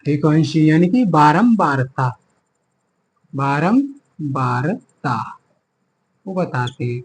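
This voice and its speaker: A man's voice: fairly high pitch, big pitch swings, slow, slightly rough, low-quality recording. A man teaching English grammar for exam prep, explaining in Hindi and dictating example words one at a time, repeating them.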